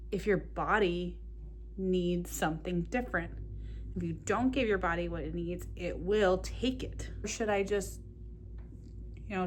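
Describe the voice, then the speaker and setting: A woman's voice: medium pitch, slight background noise. A woman chatting casually to a vlog in a candid, reflective, rambling way. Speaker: running vlogger.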